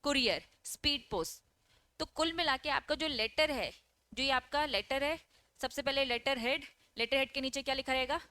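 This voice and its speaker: A woman with a high-sitting, bright, forceful voice gives an online exam-prep lecture at a moderate pace, with no room sound. She reads English lines from the text and explains them, often asking her students questions and answering them herself, and checks in with "okay?" again and again.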